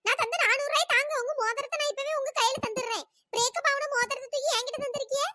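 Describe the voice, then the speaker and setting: Woman doing a whiny squeaky little cartoon schoolgirl. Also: fairly even intonation, a little fast, pushed and bright, dry recording, studio quality. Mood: indignant. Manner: whiny, accusing, demanding her money back. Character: tearful cheeky little schoolgirl, lovesick and indignant.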